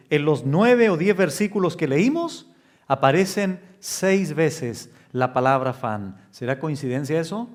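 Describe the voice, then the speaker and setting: A male pastor preaching an expository sermon in a slow, emphatic way, often raising his pitch for stress.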